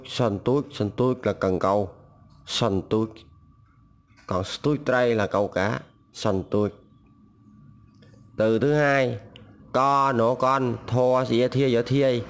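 A man's voice: mid-range voice, fairly even intonation, slow, long pauses. A man teaching a language lesson, spelling out each syllable and repeating every word.

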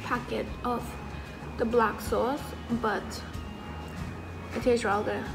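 A woman's voice: on the high side, slow pace, gravelly. A young woman from Trinidad, a food vlogger, talking casually while chewing as she tastes food. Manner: relaxed, chatty, says "real good". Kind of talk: casual taste-test vlog. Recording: background music. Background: music.

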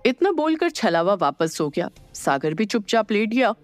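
Audio drama narrator, steady storytelling, middle pitch, faint music beneath. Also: moderate pace.

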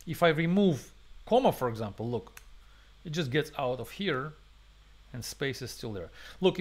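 A man hosting a programming webinar, thinking aloud through a live coding demo with many fillers, restarts and non-native phrasing. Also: a little high. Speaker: webinar host and programming instructor.

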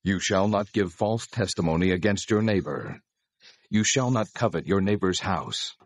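An actor playing God as a solemn, commanding lawgiver in dramatized scripture, speaking in a measured, authoritative way with a husky voice. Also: male voice, sits low, animated, dry recording, studio quality, full character voice.

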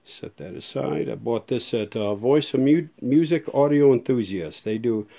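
With a medium-pitched, warm voice, vocal fry, and a moderate pace, a man offers a casual, rambling demonstration of repairing a vintage radio, hesitating often and using many fillers. He's at a workshop bench under humming fluorescent lights, holding a phone camera in one hand.

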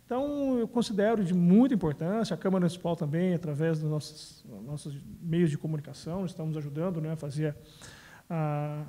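A man's voice: a little high, brisk, mellow. A man, answering interview questions into a handheld microphone, often adding tag words. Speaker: city council president. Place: indoors, small room.

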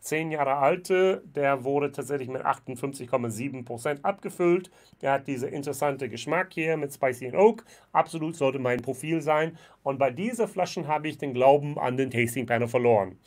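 An American man in his forties, a native English speaker, reviews whisky in German as a second language on a casual vlog, talking at medium pitch and normal speed. He's chatty, full of fillers, and gestures with bottles in an indoor room lined with whisky shelves, recorded on a webcam at his desk.

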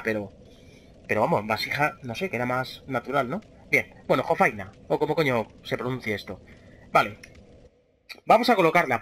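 A man's voice: a little high, sharp tone, a little hiss or hum. A man with a Spain Spanish accent giving casual let's play commentary, chatting freely with his viewers and swearing often. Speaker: gaming channel host.

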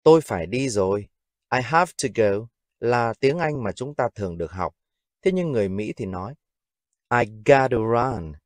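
A man with a Vietnamese accent teaching English phrases, repeating each one slowly and deliberately. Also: medium pitch, sing-song, darkish tone, dry recording.

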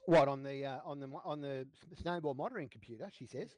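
A man's voice: mid-range voice, darkish tone, dry recording. A man runs a tabletop game session over voice chat, feeling his way through each sentence with restarts and fillers. His voice sits in a middle register and the recording is dry, with no room sound. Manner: halting, many restarts and fillers. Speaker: game master.

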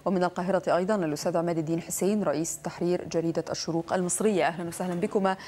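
A woman's voice: fairly low pitch, steady tone, rapid-fire, dark tone, slight background noise. A woman presenting the news who introduces guests and asks formal questions. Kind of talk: studio news interview.

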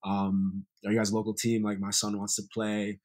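In a bright room indoors, a former college soccer player joins a casual video-call interview as a guest, telling laid-back stories with many fillers. He is a young man from Sierra Leone with an American accent, speaking at normal speed with a fairly low voice.

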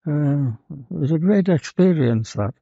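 An older man who served on wartime patrol aircraft, recalling it hesitantly in a gentle interview manner. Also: fairly high pitch, expressive, measured pace, gravelly, breathy edge, no room sound, muffled recording. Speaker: wartime flying boat crewman recalling service. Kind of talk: reminiscing interview.

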